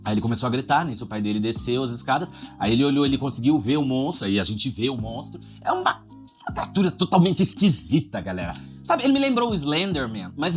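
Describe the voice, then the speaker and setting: A man recapping a horror film in a casual, animated way, swearing and using slang as he goes. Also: medium pitch. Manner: animated, profane storytelling with slang.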